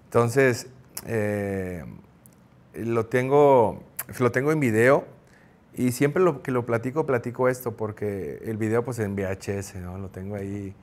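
A middle-aged man with a Mexican accent, a former goalkeeper, telling an anecdote in an interview, acting out the shouts he quotes. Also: mid-range voice, measured pace. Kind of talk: storytelling in an interview.

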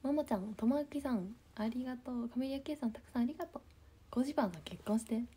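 Young woman, idol streamer reading comments, husky, mellow, sleepy half-whispered chat. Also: rapid-fire. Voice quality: husky, a bit low. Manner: just-woken, soft and drowsy, often near-whispered. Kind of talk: casual livestream chat.

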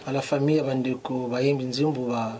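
With a steady, mid-range voice and a fairly quick pace, a middle-aged Congolese designer answers questions in his clothing shop. His emphatic speech mixes French and Lingala, recorded on a handheld mic held by the interviewer, with background noise present.

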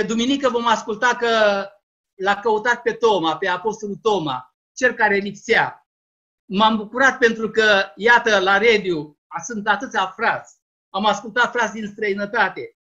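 A man with a Romanian accent gives an earnest, slow, deliberate Easter sermon over a video call. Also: sits high, sharp tone. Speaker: lay preacher. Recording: muffled video-call audio.

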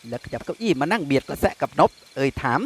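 A man narrating a novel in a steady, even storytelling manner. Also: medium pitch, racing, breathy edge. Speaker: audiobook narrator. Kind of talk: novel reading.

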